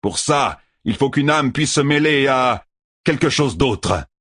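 A man voicing an arrogant, ruthless male killer who shouts and taunts in an audiobook. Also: a little high, huge pitch swings, normal speed, slightly rough, pitched above the performer's own voice, full character voice. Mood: taunting. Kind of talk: audiobook character voice.

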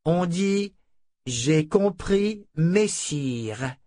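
A man's voice: fairly high pitch, animated, normal speed, no room sound, studio quality, voice pushed up. A man voicing a brutal, contemptuous male henchman who barks orders with scorn, in an audiobook. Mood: menacing. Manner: menacing, scornful, commanding. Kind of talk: audiobook character voice.

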